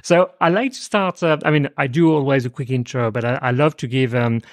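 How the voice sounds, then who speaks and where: A male podcast host with a mid-range voice who gets his questions out haltingly, with plenty of fillers and small laughs. The recording is dry and close-miked. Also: medium pitch, steady tone, no echo. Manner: hesitant, many fillers, light laughs. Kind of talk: casual interview hosting.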